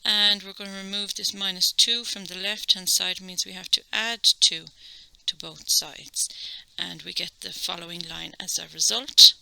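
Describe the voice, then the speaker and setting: Irish lady maths teacher, patient step by step, gravelly bits, dead dry sound. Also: on the low side, fairly even intonation, normal speed, few pauses, pushed and bright, no room sound, rough recording. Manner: patient, explains each step; checks in with "okay?".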